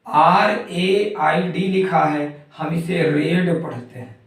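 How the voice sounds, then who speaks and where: A man's voice: fairly high pitch, slow pace, fairly bright tone. A man teaching English pronunciation in a methodical way, spelling out letters one by one before saying each word. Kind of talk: explanatory lesson. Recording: very echoey room, far from the mic.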